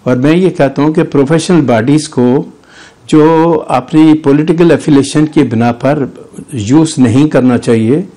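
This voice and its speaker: A man's voice: on the high side, a little slow, dark tone. An older man with a Pakistani Urdu accent, a lawyer guest arguing legal points in a studio news interview. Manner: argumentative, legalistic, with restarts.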